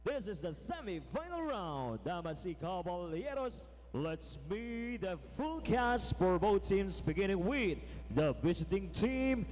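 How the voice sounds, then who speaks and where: A man calling player introductions in an indoor arena, stretching out the names in a booming way over the public address system. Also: very animated, a little mellow, slight background noise, poor audio. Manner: drawn-out, booming name calls. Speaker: arena announcer.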